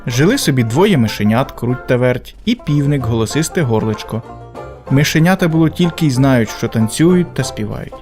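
A man reading a folk tale aloud as a storyteller, in an animated, expressive way. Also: medium pitch.

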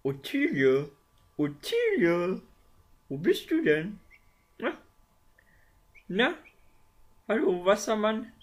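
A man's voice: a little high, sing-song, takes it slowly, long pauses, slightly rough, exaggerated voice. A man voicing a kind, fretful young rabbit in a puppet theater play, calling out and muttering to himself. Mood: searching.

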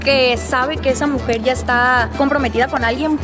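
A woman's voice: sits high, steady tone, normal speed. A woman in her twenties with a Sinaloan Mexican accent, answering as an interviewee. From Culiacán, Sinaloa, Mexico. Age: 20s. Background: music.

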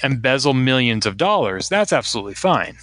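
A man hosts a podcast interview, asking measured and sympathetic questions. His voice is bright and forward, recorded close and dry. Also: medium pitch, big pitch swings, no echo. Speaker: podcast host.

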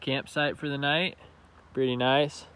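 A man's voice: medium pitch, little pitch movement, measured pace, loud music behind the voice. A young man casually narrating his weekend vlog, talking in a laid-back, rambling way into a phone held at arm's length. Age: young adult. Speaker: vlogger. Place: outdoors and at home, handheld. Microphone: phone camera at arm's length.

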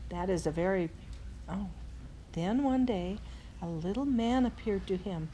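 Playing a grandmother, an older woman expressively reads a children's storybook aloud, adding exclaimed asides, in a warm, medium-pitched voice with lively intonation and an unhurried pace. She's in a large indoor lodge room with a fireplace, and the recording carries clearly noisy ambient room sound.

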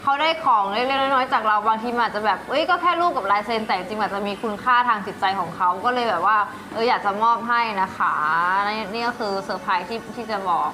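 A woman's voice: a little high, quick pace, few pauses, sharp tone. A young woman in casual live-stream sales chat, speaking in a playful, informal, spontaneous way. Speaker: guest celebrity co-seller. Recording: clearly noisy live-stream room.

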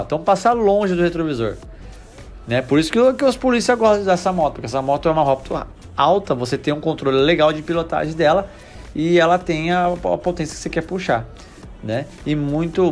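This slightly high-voiced man runs a motorcycle channel and talks straight to his viewers during a test ride. His commentary is casual and enthusiastic, and he tends to repeat himself as he goes.

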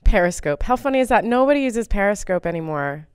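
A woman's voice: medium pitch, animated, quick pace, smooth, no echo, studio quality. An American woman comedian chatting casually as an interview guest, rambling and self-deprecating with plenty of fillers. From United States.

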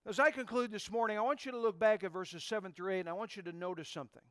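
A middle-aged male pastor preaching a sermon in a notably high, smooth and resonant voice. He leans hard on key words, jumping from loud to quiet. The sound is dry and close. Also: fast talker, dry recording. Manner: emphatic preaching with sharp swings in loudness.

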